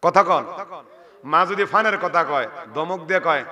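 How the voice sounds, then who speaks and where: Preacher, exhorting sermon, very bright and sharp voice, long hall reverb. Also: male voice, fairly high pitch, measured pace. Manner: exhorting the crowd to respond loudly. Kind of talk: Islamic sermon. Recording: long reverb of a large venue.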